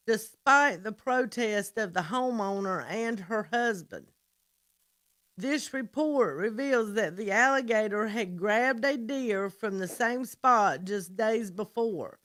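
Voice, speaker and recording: Slow-reading female radio co-host. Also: medium pitch. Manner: steady reading, with dry interjections. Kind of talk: reading a news report on air.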